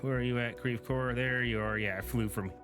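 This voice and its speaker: Over game music, a sleepy gaming streamer, a young man who keeps yawning, casually talks through his play and fills the gaps with fillers as he thinks aloud. The pitch sits in the middle, the intonation is fairly even, and the pace is brisk.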